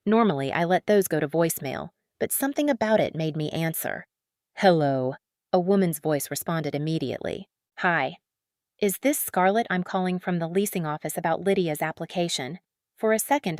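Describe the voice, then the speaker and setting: Calm, low-voiced woman narrating a story. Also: no room sound, clean studio sound. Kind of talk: first-person story narration.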